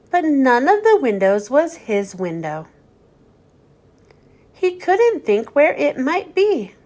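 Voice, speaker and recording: A woman reading a children's picture book aloud in a slow, gentle storytelling manner. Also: high voice. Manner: slow, gentle storytelling, lively rise and fall.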